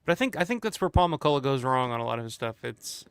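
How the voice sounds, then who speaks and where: A man's voice: medium pitch, big pitch swings, fast talker, fairly bright tone, clean tone, no room sound. A man co-hosting a watch-along with casual, easygoing, conversational film commentary.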